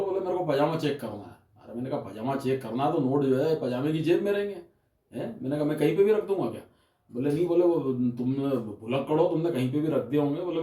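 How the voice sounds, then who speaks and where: A man's voice: fairly high pitch, warm tone. A man, telling a rambling comic story to an audience and often checking in with them. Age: 50s. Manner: rambling, keeps asking "kya?" and "hain?" to the audience. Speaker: comic poet. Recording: echoey hall from far off.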